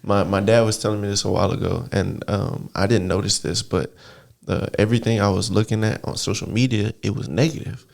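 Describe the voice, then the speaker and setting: A man's voice: fairly low pitch, fairly even intonation, a little fast, gravelly, a little mellow. A man hosting a casual podcast, asking long rambling questions full of restarts. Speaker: podcast host.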